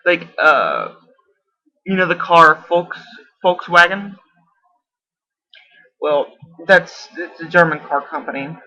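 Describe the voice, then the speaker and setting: A man's voice: on the high side, big pitch swings, takes it slowly, pauses often, bright, forceful tone. A man in a casual video response, explaining at length, often correcting himself and unsure of details. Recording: dull lo-fi camera audio.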